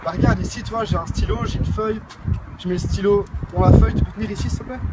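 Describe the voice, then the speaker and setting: A smug young street magician rattles off his tricks in a high, hurried patter, as a man puts him on. Heavy traffic noise nearly swamps him. He sounds a little off the mic. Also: fairly even intonation, natural voice.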